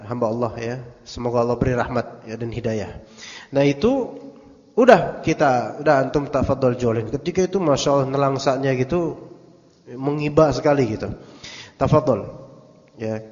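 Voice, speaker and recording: A man's voice: medium pitch, a little mellow, long reverb tail, dull audio. A man with an Indonesian accent giving a conversational Islamic study lecture, telling stories with quoted dialogue and Arabic phrases. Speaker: religious teacher.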